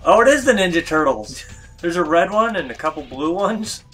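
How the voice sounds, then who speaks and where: A young man co-hosting a game video, wisecracking with quick reactions. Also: sits high, very animated, fairly bright tone, faint music behind, poor audio. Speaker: let's-play co-host. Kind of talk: casual gameplay commentary.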